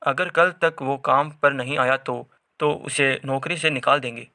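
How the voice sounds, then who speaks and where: A man's voice: mid-range voice, fairly even intonation, unhurried, bright, forceful tone, dry recording, clean studio sound. A man voicing a polite young male coworker bringing a warning. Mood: concerned.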